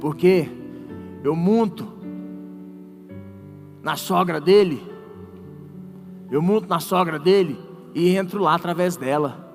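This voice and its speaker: A man voicing a sly boastful demon, high and echoing. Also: takes it slowly, vocal fry, long pauses, soft background music, full character voice. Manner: boastful, teasing. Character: mocking male demon spirit, sly and cheeky.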